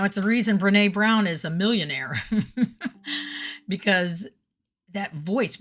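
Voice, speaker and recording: A woman's voice: fairly low pitch, fairly bright tone. Upbeat woman giving a motivational message. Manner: upbeat, earnest, encouraging. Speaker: motivational speaker.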